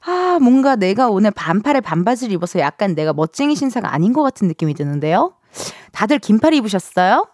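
A woman radio DJ chatting casually and playfully in a studio, expressive and self-teasing as she hosts. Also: mid-range voice, quick pace, few pauses, dry recording. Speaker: radio DJ, show host. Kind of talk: casual chatty radio hosting, reading listener messages.

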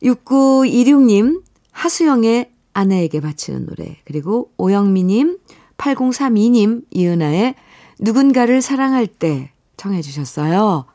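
Woman radio DJ, calm and unhurried, reading listener stories over quiet music. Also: medium pitch. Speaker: radio host. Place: radio studio.

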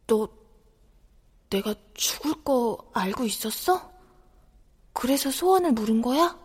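A woman voicing a gentle young child in an audio drama who speaks plainly and softly. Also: on the high side, expressive, slow, breathy edge, heavily acted. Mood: resigned. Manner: plain and soft, later quiet and resigned. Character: poor, gentle young child facing its death.

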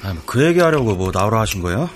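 An actor playing a guarded high-school boy who distrusts adults, curt and wary. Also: sing-song, quick pace, faint music behind. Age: teens. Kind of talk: TV drama acting.

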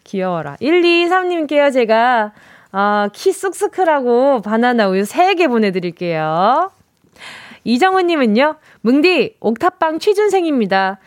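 Lively high-voiced woman radio DJ. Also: measured pace, no room sound, clean studio sound. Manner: playful, chatty, warm toward listeners. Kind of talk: live radio show reading listener texts. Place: radio studio. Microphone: studio microphone.

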